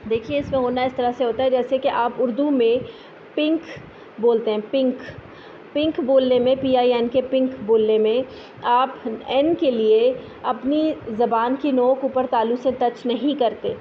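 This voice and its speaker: Woman tajweed teacher, patient and explanatory, lo-fi phone-quality recording. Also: fairly high pitch. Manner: patient, explanatory, drawn-out filler sounds. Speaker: Quran recitation teacher. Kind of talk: explaining tajweed rules with slow recited examples. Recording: thin phone-like audio with faint hiss.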